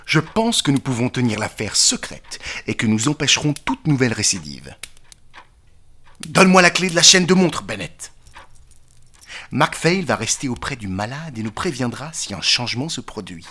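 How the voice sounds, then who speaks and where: An actor playing Sherlock Holmes in an audio drama, brisk and authoritative. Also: male voice, medium pitch, sing-song, bright, forceful tone, slightly rough, full character voice. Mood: commanding.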